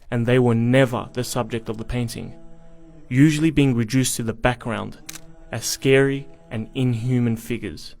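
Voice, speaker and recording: Male narrator of middle pitch, steady measured read, music bed under the voice. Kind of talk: scripted documentary narration. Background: background music.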